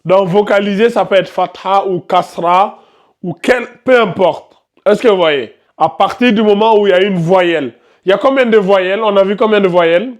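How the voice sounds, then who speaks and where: A man's voice: high voice, normal speed. A man teaching Quran recitation rules to a live class, quizzing his students and repeating the key terms. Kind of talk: live classroom tajwid lesson.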